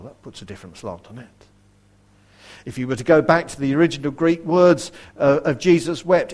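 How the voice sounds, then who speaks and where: A man preaching a sermon in an earnest way, asking his listeners direct questions and dropping to a hush for quoted verses. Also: fairly high pitch. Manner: varies loudness widely, dropping to a near whisper for quoted verses.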